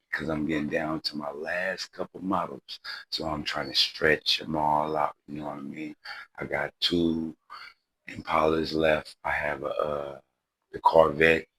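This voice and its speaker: Very deep laid-back man in his forties. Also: a bit bright, breathy edge, low-quality recording. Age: 40s. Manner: laid-back, rambling, says "y'all" and "you know what I mean" often. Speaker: model car channel host. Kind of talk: casual chat to viewers.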